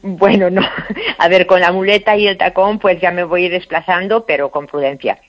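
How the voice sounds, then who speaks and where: A woman calling in to a live radio health show, heard over the phone. She speaks politely and answers with short, quick agreements. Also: on the low side. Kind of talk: polite casual chat. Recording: muffled phone line.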